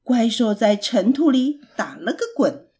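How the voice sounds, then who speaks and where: A woman reading a children's story aloud in a gentle, expressive, unhurried way. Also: a little high, breathy edge.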